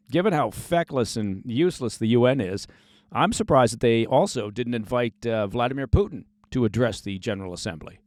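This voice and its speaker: A man's voice: medium pitch, a little mellow, no room sound, studio quality. A man hosting a daily news podcast, reading scripted commentary with sarcastic asides.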